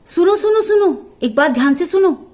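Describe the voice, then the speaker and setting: A woman voicing a caring, protective mother goat in a told folk tale, calling out loudly and urgently. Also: very animated, slow pace. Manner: loud, high, urgent calling.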